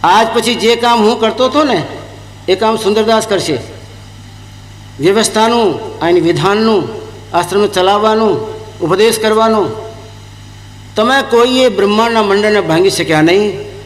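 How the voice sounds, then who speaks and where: A man's voice: high voice, moderate pace, pauses often. A man preaching a devotional sermon, telling a story and acting out the voices of a guru and his disciples. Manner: acts out dialogue of guru and disciples with shifting voices. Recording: echoey hall with faint ambience.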